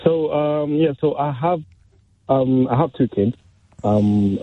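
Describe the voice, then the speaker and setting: A man's voice: medium pitch, takes it slowly, no room sound. A male radio caller, speaking hesitantly on a muffled phone line that sounds far away, as if he were down a well. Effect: muffled distant phone line, like down a well.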